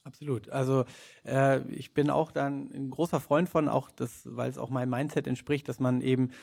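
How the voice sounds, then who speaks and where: A man's voice: medium pitch, flat delivery, moderate pace, gravelly, darkish tone. A man speaking as a podcast guest, hesitant, with many filler sounds and restarts. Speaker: podcast guest, head of a nonprofit. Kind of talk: podcast conversation.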